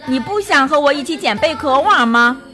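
A woman's voice: high-pitched, lively intonation, moderate pace, sharp tone, faint music behind, pitched above the performer's own voice. A woman voicing a lazy, playful young pond creature with a light, teasing way of talking.

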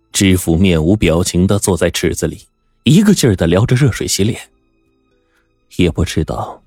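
Deep-voiced dramatic male storyteller. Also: no room sound, clean studio sound. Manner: expressive, swinging pitch for drama.

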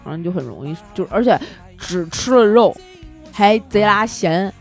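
A woman's voice: mid-range voice, lively intonation, moderate pace, creaky, a little mellow, faint music behind. A woman co-hosting a casual chat podcast, who mostly listens with murmured agreement and cuts in with teasing remarks. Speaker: podcast co-host.

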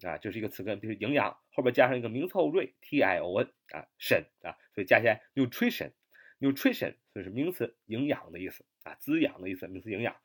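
A young man teaches English vocabulary in a bright, forward voice. His pitch rises and falls a great deal as he spells words out letter by letter. He stretches the English terms slowly and fills his pauses with "啊". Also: sing-song. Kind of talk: spoken vocabulary lesson.

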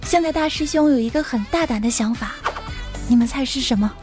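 Music plays clearly under this comic podcast from start to finish as its female host talks briskly in a bright, high-pitched voice. She teases and jokes in an animated style and lays out the setups of her jokes herself.

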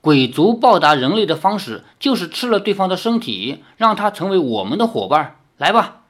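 A reader voicing an arrogant, towering male demon emperor in an audiobook, talking in a loud, haughty way. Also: sing-song, normal speed. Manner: loud, haughty, booming laugh. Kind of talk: dramatic audiobook character voice.

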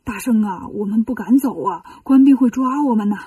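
Frightened male monks from a storybook read aloud plead and fret, played by a woman. Their voice is mellow and breathy. It is a touch high-pitched and sits a bit back from the microphone. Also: a little fast, no echo, distant mic. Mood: worried pleading. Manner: pleading, worried.

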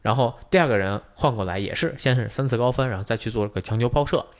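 Fast-talking man explaining at length. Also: medium pitch. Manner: rapid, explanatory, many fillers. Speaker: podcast co-host. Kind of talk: casual chat.

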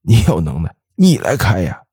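A man playing a gruff, scornful veteran driver in a ghost story, husky voice. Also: deep voice, huge pitch swings, moderate pace, warm tone, no room sound, clean studio sound, exaggerated voice. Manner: grumbling, scornful.

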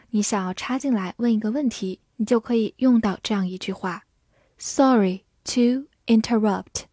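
A woman teaching English words in a scripted lesson, spelling each word letter by letter and reading example sentences slowly and clearly. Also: on the high side, a little mellow, dry recording, clean studio sound.

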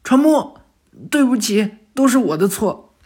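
A man's voice: extremely high pitch, lively intonation, a little slow, darkish tone, slightly rough, voice pushed up, heavily acted. A man voicing a brash teenage boy ninja in a raised, urgent voice. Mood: remorseful.

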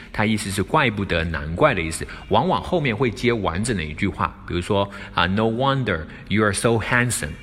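A man hosting an English lesson, repeating phrases slowly for practice. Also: on the low side, fairly bright tone. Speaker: English teacher and host. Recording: long reverb.

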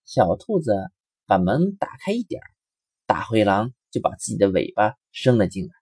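A man reading a children's story aloud in an expressive storyteller manner. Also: on the low side, normal speed, breathy edge, dry recording, studio quality. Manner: expressive, rising and falling storyteller delivery.

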